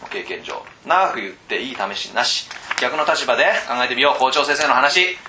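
A man training teachers in a casual lecture, chatting with the room, asking questions and swinging between loud and hushed. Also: mid-range voice, expressive, moderate pace, noisy background. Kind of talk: lecture to tutors. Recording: roomy echo.

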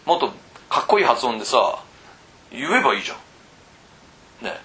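A man coaching cram school teachers in a casual lecture, teasing them bluntly and often pausing to ask whether they follow. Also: mid-range voice, very animated, sharp tone. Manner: keeps checking in with rhetorical asides.

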